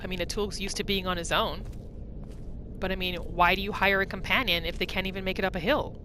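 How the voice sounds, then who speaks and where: Over video game music and a noisy background, a woman with a mid-range voice speaks fairly quickly, giving playful, casual commentary on her roleplay playthrough and talking expressively to herself and the game.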